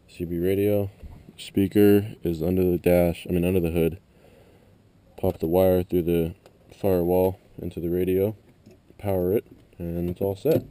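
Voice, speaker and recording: Here the amateur installer's voice is low and dark in tone as he talks through an unscripted car tutorial. He explains things casually and plainly while demonstrating by hand, and the action camera picks up plenty of noise and vehicle ambience.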